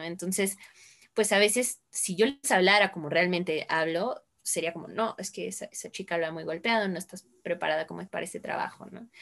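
A woman speaking candidly as a panelist in a discussion, laughing now and then. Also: lowish voice. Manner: candid, laughs while telling anecdotes.

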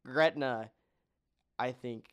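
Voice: medium pitch, takes it slowly, fairly bright tone, clean tone. A podcast host in casual chat, joking and running through long lists of results with many ums.

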